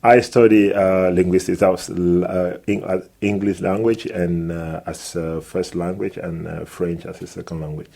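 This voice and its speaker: A man's voice: low voice, fairly even intonation, moderate pace, creaky, hardly any pauses, dark tone. A middle-aged man from Cameroon, answering radio interview questions hesitantly with many filler sounds, in a studio. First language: Mogamo. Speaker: guest.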